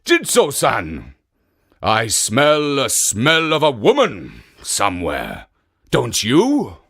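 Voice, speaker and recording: A man voicing a wicked, suspicious man-eating ogre in a children's story, with loud, drawn-out, insistent calls. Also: medium pitch, huge pitch swings, creaky, husky, heavily acted.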